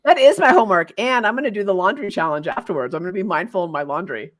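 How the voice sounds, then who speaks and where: A woman's voice: mid-range voice, lively intonation, fast talker. A woman in her fifties hosting a casual interview, chatty and effusive, talking freely with lots of fillers. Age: 50s. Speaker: podcast host.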